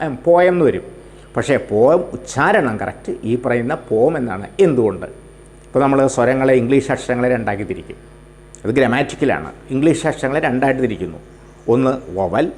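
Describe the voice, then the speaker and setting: A man's voice: medium pitch, a little mellow. A man teaching grammar and pronunciation in his words. He explains patiently, spells words out letter by letter and repeats them. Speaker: English teacher. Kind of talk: spoken English grammar lesson.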